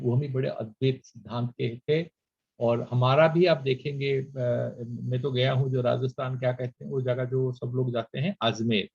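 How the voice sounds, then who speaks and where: A man's voice: medium pitch, creaky, darkish tone, breathy edge, lo-fi sound. A man giving a spiritual lecture to students, slipping English phrases into his talk and reciting Sanskrit verses. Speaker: workshop speaker.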